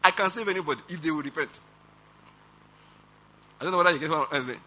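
A man with a Nigerian accent preaching a sermon as pastor, animated and emphatic, with rhetorical questions and chuckles. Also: a little high, fast.

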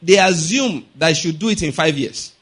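A middle-aged man from Nigeria preaches to teach, using everyday examples, repetition and frequent rhetorical checks as he works through each point. His voice is a little high, animated, a bit bright and slightly rough, at a normal speed.

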